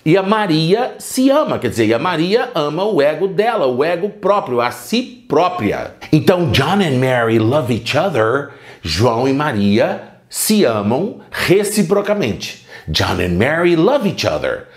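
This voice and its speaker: A man teaching an English lesson who says his English examples slowly and repeats them, then explains them quickly. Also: on the high side, very animated, echoey room. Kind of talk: bilingual language lesson.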